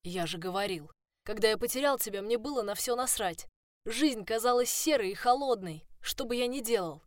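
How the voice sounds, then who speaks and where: A woman's voice: a little high, lively intonation, moderate pace, no room sound, studio quality, voice pushed up, natural voice. A woman voicing a desperate young man in love, pleading, in a first-person audiobook.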